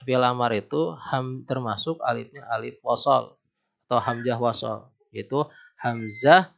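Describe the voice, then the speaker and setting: A man teaches Arabic grammar in a patient, questioning way and draws out each recited verse slowly. His voice is gravelly and sits in a middle range. The recording is dull and lo-fi. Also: medium pitch. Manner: patient, quizzes the listener, slows down to recite verses.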